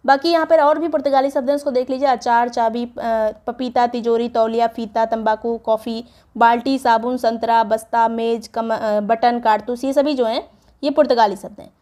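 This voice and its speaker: A woman with a high voice teaches an exam prep lesson. She explains each point step by step and reads lists of words aloud one after another. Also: steady tone, normal speed, darkish tone. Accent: Hindi, North Indian.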